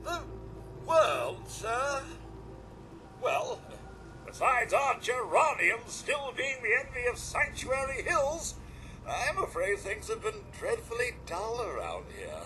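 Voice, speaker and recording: A man's voice: very high-pitched, sing-song, slow, bright, forceful tone, slight background noise, full character voice, low-quality recording. An actor voicing a polite, fussy male robot butler in a video game, formal and courteous and always calling the listener sir. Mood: cheerful. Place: game soundtrack with music behind.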